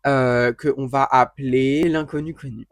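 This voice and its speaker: A man's voice: medium pitch, measured pace, faint music behind. A young man co-hosting a podcast, telling anecdotes in casual chat and acting out the voices of the people in them. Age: young adult. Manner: animated storyteller, acts out voices in anecdotes. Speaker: podcast co-host.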